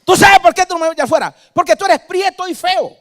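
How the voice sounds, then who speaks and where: Mocking demon, a man doing high-pitched, scornful, jeering. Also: fast, fairly bright tone. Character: taunting male demon, scornful and insulting.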